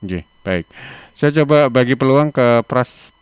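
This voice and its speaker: A man hosting a radio talk show, asking long, measured questions from the studio. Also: mid-range voice, lively intonation, clear, resonant tone, no echo. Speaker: radio host.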